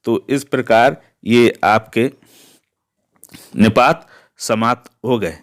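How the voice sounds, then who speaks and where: A male teacher works through a grammar lesson at a deliberately slow pace. He asks rhetorical questions and answers them himself, repeating each point so it sticks. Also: mid-range voice.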